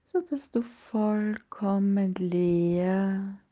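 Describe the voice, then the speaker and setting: A woman leading a guided meditation in a soft, breathy, partly whispered voice, soothing and hushed, with long pauses between phrases. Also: medium pitch, fairly even intonation, dull audio.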